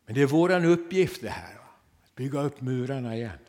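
A man preaching a sermon to his congregation, swinging from loud, emphatic passages to hushed near-whispers and tagging rhetorical questions with a quick "va?". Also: mid-range voice, big pitch swings. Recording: long reverb of a church hall.

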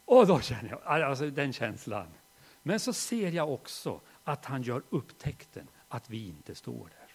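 Husky-voiced middle-aged pastor, animated and pitch-lively in a sermon. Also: male voice. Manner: dynamic, swings from hushed to loud storytelling. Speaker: preacher. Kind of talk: sermon with personal story.

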